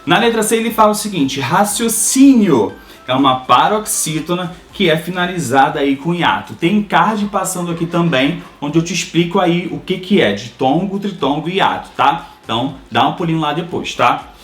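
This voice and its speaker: A man teaching a Portuguese grammar lesson for exam prep, explaining step by step and often checking in with quick tag questions. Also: fairly high pitch, expressive, a bit bright, roomy sound, soft background music.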